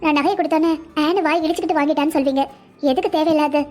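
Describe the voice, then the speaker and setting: A woman's voice: high voice, fairly even intonation, very fast, mellow, soft background music, lightly acted. A woman voicing a young bride in a cartoon, polite but firm, with a pleading tone. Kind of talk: cartoon dubbing.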